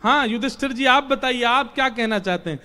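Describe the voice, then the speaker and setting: A man's voice: extremely high pitch, a little fast, pushed and bright, clean tone, faint music behind, voice pushed up. A man voicing a divine male lord who guides and presses with questions in a devotional story. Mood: teasing. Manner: insistent, teasing questions.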